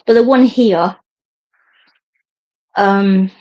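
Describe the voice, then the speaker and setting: A woman's voice: mid-range voice, extremely slow. A middle-aged woman, chatting casually to viewers as a livestream host, rambling and laughing often. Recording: dull lo-fi stream audio.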